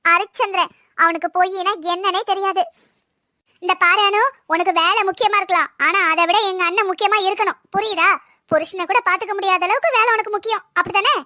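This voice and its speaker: Woman voicing a bossy sister-in-law, cartoon; very high, bright, quick, preachy scolding. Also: fairly even intonation, no echo, clean studio sound. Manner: lecturing, sharp-tongued, preachy. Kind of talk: cartoon voice acting.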